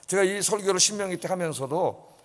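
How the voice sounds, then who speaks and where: Male pastor, high voice, emphatic sermon delivery, long church reverb. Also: fairly quick. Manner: emphatic preaching, rhetorical questions to the congregation. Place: church sanctuary.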